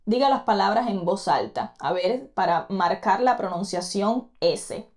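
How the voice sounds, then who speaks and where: A woman's voice: medium pitch, lively intonation. A woman teaching English pronunciation in an online lesson, patiently repeating each word and speaking directly to the student. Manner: patient, repeats words slowly to model pronunciation; addresses the student directly, encouraging repetition.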